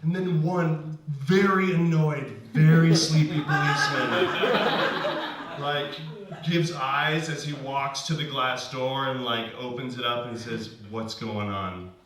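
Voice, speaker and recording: A man's voice: a little high, fairly even intonation, takes it slowly, a bit bright. A man telling a personal story live on stage, talking in a loose conversational way full of restarts and "like.". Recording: very echoey room, distant mic, faint hiss.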